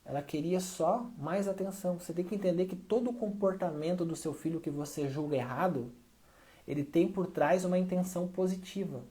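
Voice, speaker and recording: Man from Brazil, warm low-key tone, chatty parenting advice, keeps checking the listener follows. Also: fairly quick. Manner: conversational, checks in with frequent tag questions. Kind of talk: direct-to-camera advice talk.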